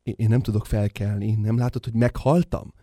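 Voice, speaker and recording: A man voicing the corpse of a dead father who lectures his son gravely, in a radio play. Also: on the low side, fairly even intonation, warm tone, dry recording, clean studio sound, close to an everyday voice. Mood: lecturing.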